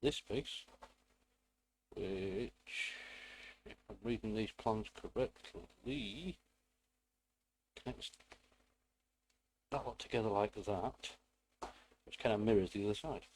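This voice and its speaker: A man's voice: lowish voice, animated, slow, creaky, long pauses, slight background noise, low-quality recording. A British man giving a casual hands-on build tutorial in a rambling, self-deprecating way with playful asides. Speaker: hobbyist presenter.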